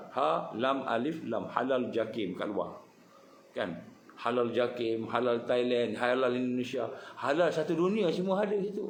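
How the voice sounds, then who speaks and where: A middle-aged man with a Malaysian Malay accent, a religious teacher giving a sermon, moving between low earnest tones and high emphatic bursts. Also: slight background noise. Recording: echoey room with faint ambience.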